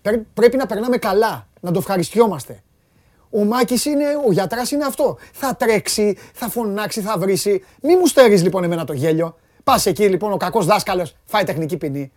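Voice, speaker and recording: A man hosting a casual sports talk show, rambling in an animated way and laughing often. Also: high voice.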